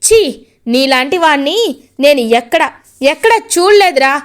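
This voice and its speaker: A woman reads the part of an enraged middle-aged father in a serial recap. He shouts in outrage and hurls threats, all in a high, light voice. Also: lively intonation, moderate pace.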